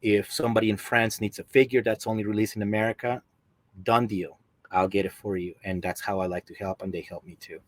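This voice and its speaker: A middle-aged Peruvian man with a matching accent chats casually as a podcast guest about collecting, his hobby, from a basement room at home over a video call. His voice is lowish, flat and brisk, with no echo.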